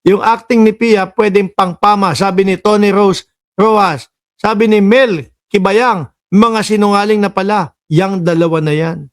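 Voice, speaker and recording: A man from the Philippines hosts political reaction commentary in a fairly high voice. He is sarcastic and animated, scolding the people in the clips. He also reads viewer comments aloud. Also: measured pace.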